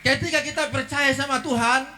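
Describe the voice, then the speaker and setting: A pastor preaching a sermon, telling a story, acting out its scenes and calling out to the congregation again and again. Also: male voice, very high voice, fairly even intonation, a little fast, sharp tone, slight background noise.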